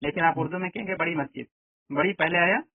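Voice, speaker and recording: A man with a voice on the high side teaches Arabic in an online lesson, explaining step by step and often checking that students understand. The call audio is tinny and dry, with no echo.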